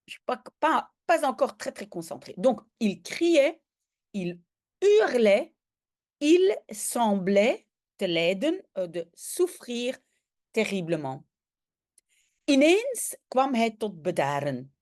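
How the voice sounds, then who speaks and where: A woman with a Flemish accent, a language teacher reading a comic aloud and explaining each line, with lively bursts when she voices the characters' cries. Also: fairly high pitch, slow.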